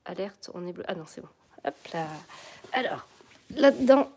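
A woman's voice: lowish voice, moderate pace, a little hiss or hum. A middle-aged woman hosting a casual plant live stream, chatty and bubbly, laughing often and greeting viewers as she goes.

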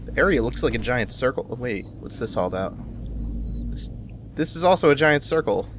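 A man's voice: medium pitch, animated, brisk, background noise. A man giving casual let's play commentary, musing and thinking aloud as he plays. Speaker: gamer commentating a playthrough.

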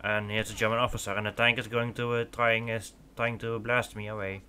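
A young Dutch man, a gaming channel host, casually comments in English, his second language, while playing a shooter, rambling with plenty of fillers and restarts. His voice sits fairly low with a level tone, and he talks a little fast with a sharp edge. There's a little hiss or hum on the recording.

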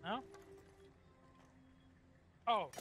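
A man hosting a casual gaming video, reacting loudly to the match and bursting into frustration. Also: very slow. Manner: excitable, loud bursts of frustration. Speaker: host and player. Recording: game music under the voice.

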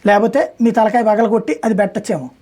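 Appearing as a political analyst guest in a debate, a woman argues fast, backing her points with examples and proverbs. Her voice is fairly high-pitched with a darkish tone.

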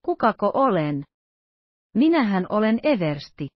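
Suave, mocking gentleman intruder, read by a woman narrator; ironic politeness, dry muffled audiobook. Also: mid-range voice, sing-song, no room sound. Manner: smooth, ironic courtesy.

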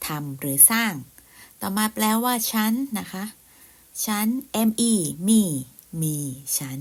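A woman teaching simple English words in a slow, patient lesson. She repeats each word and spells it out letter by letter, in a polite, soft-spoken manner. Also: mid-range voice, lively intonation, vocal fry.

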